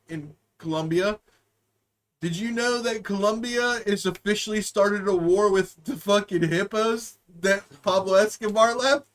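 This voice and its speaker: A man from Pittsburgh co-hosting a crude comedy podcast, rambling and profane, laughing often. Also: high-pitched. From Pittsburgh, USA. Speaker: podcast co-host.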